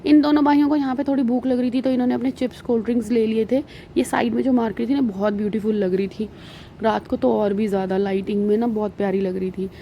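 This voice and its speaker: A woman with an Indian accent, a mother of young children, narrating her travel vlog in a relaxed, chatty way full of fillers. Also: fairly high pitch, quick pace, highs cut off, a little hiss or hum. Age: adult with young children. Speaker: vlogger.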